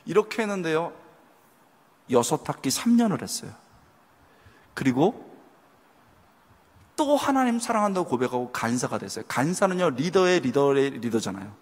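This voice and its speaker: A man preaching a sermon to young adults, telling stories with lively delivery and acting out people's lines. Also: fairly high pitch, moderate pace, pauses often. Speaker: pastor. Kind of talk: sermon at a youth retreat. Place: church sanctuary. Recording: long hall reverb.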